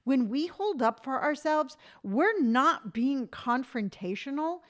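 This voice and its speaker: Woman, late 50s, live-stream host; slightly high, emphatic and animated, close phone mic. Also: slow. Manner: emphatic, animated storytelling, reads viewer comments aloud. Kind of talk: casual live-stream chat.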